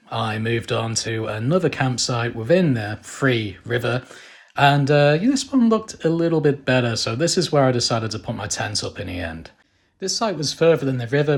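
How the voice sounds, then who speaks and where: A man narrates a casual camping vlog. His voice is husky and sits at an average pitch, and he tells things in a chatty, informal way. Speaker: camping vlogger.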